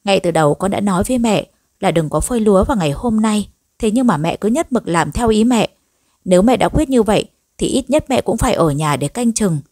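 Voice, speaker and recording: A woman voicing a gentle, polite pregnant young wife in a storybook reading. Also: mid-range voice, dry recording, studio quality, natural voice. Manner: soft, pleading, polite.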